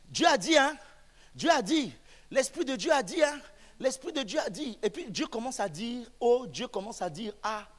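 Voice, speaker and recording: A man from the Central African Republic, a pastor preaching a sermon in a church, speaking emphatically and rising to shouts. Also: extremely high pitch, lively intonation, moderate pace. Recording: long reverb of a church hall.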